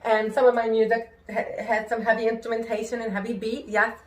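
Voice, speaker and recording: A woman's voice: on the high side, brisk. A woman with hearing-impaired speech whose r sounds drift toward w, speaking expressively and with careful pronunciation in a personal, conversational talk. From New York, United States. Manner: careful pronunciation with worked-on inflection; expressive, emphatic. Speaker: singer and show host. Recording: echoey room.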